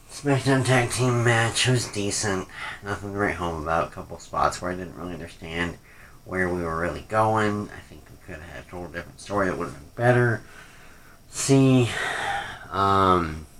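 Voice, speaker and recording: Reviewing a wrestling pay-per-view, this man speaks in a low, slightly bright voice over faint background noise. He rants off the cuff in a rambling, hesitant way, frequently trailing off and clearly unimpressed.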